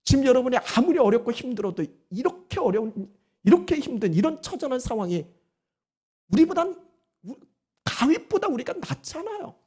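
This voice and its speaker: A woman pastor giving a Sunday sermon, animated and firing rhetorical questions at the congregation. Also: high-pitched, a little fast, husky.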